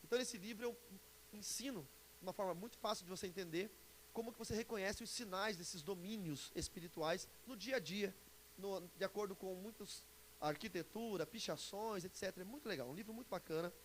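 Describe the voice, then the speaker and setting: A Brazilian pastor and conference speaker in his forties teaches a church conference audience informally, chatting, joking and often questioning his listeners. His voice is high and fairly quick, and the poor live recording carries background hiss.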